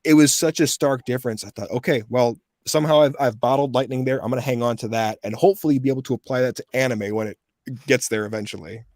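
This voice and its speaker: This is a fast-talking, mid-range male voice, recorded dry. He's a voice actor from the USA in his thirties, guesting on a relaxed interview where he spins lively stories and acts out every voice he quotes.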